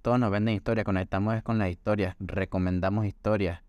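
Low, smooth-voiced reflective man. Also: fairly even intonation, quick pace, a little mellow, dry recording. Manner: reflective, explanatory. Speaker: podcast co-host. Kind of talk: casual podcast chat.

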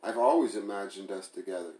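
A man's voice: sits low, brisk, dark tone, lightly acted. A man voicing a hurt, sarcastic young woman who confronts her partner, speaking in a pleading, bitter way. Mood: hurt, pressing. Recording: roomy echo.

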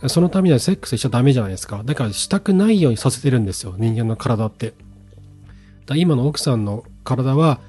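A man in his thirties hosting an advice show, reading a listener's letter and answering in a relaxed, conversational way with many fillers. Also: mid-range voice, fast talker, slightly rough, faint music behind. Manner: conversational, frequent fillers, acts out quotes. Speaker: podcast host answering listener questions. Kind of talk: advice talk.

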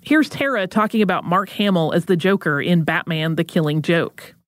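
A woman's voice: on the low side, normal speed, no echo, studio quality. A woman podcast host narrating a scripted episode and introducing interview clips.

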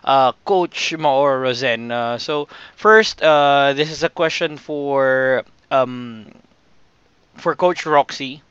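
Filipino moderator, bright and smooth, dry muffled recording. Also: male voice, medium pitch, dry recording. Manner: smooth moderating, mixing English and Tagalog. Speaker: host and moderator.

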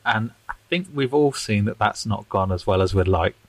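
A man chats on a political podcast in a low, rambling voice. He is self-deprecating and chuckles often. The sound is dry and close, with no room around him. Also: expressive, moderate pace, no echo, poor audio. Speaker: podcast co-host. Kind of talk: casual political chat.

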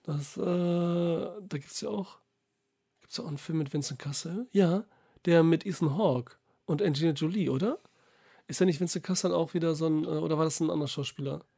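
Slightly high-voiced man, rambling chat. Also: quick pace, creaky, slightly rough. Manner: lively, rambling, laughs a lot. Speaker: podcast co-host. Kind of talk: casual chat.

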